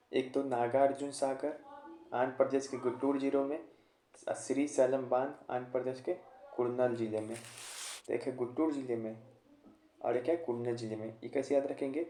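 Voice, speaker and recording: A man tutoring an exam-prep class, drilling memory tricks by repeating them and asking rhetorical questions. His voice is mellow and a little dark, and the echoey room carries a faint hum of ambient noise. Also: mid-range voice. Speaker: general knowledge tutor.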